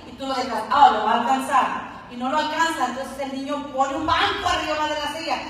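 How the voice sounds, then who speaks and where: A woman from Colombia preaching an animated sermon at a church conference, switching between soft asides and shouted lines and acting out quoted voices. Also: high voice, a little fast. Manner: acts out quoted voices in dialogue. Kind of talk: Pentecostal sermon. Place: large church auditorium. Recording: echoey church hall, voice from far off.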